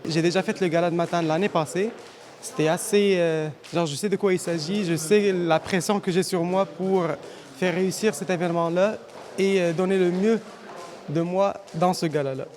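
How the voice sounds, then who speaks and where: A man's voice: high voice, fairly even intonation, moderate pace, a little mellow. A man from Morocco, an amateur boxer speaking earnestly with some hesitation.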